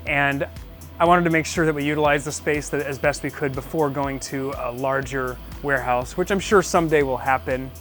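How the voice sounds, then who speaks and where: A man's voice: medium pitch, steady tone, a little fast, a bit bright, faint music behind. A man giving an informal walk-through tour of his business, thinking aloud in a casual, self-deprecating way. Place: indoors, small business office and print shop.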